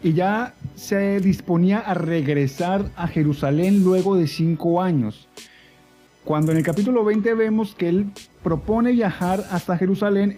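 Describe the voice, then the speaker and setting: High-voiced man telling a funny story. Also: dark tone. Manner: humorous storytelling with playful voices. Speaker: podcast co-host.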